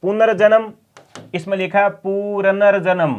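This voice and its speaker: A man teaching an online exam-prep language lesson, drilling each word by slow repetition and teasingly pushing students to answer quickly. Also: high voice, steady tone, dull audio. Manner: drills words by repeating them slowly, quizzes students; playful teasing threats to hurry answers. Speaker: Hindi teacher.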